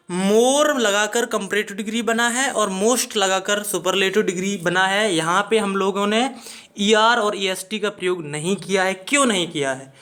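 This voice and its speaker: A man's voice: sits high, fairly bright tone. A man gives an English grammar lesson. He talks in a methodical teacher's way, spelling words out letter by letter and repeating each key term.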